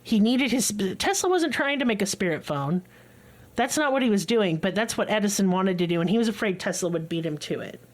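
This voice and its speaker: A woman hosting a podcast, telling a story in casual chat, blunt and excitable, with swearing. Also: mid-range voice, a little fast. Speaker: podcast co-host.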